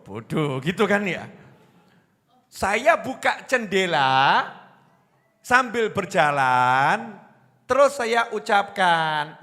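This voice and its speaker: A man's voice: high voice, sharp tone, long reverb tail. A man with a Javanese accent preaching a sermon, telling stories animatedly and acting out the voices of the people in them.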